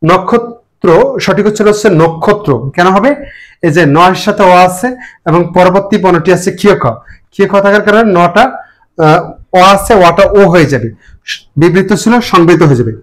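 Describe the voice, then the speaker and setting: High-pitched guy teaching pronunciation, slow and careful, spells out syllables. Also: rough recording. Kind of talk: classroom lesson.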